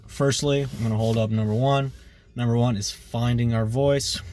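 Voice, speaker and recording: A man gives an informal singing lesson, his voice sitting at an ordinary middle pitch. He rambles a little, stacking fillers and checking in with a quick "right?" as he explains. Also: a little mellow. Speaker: vocal coach. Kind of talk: casual video lesson.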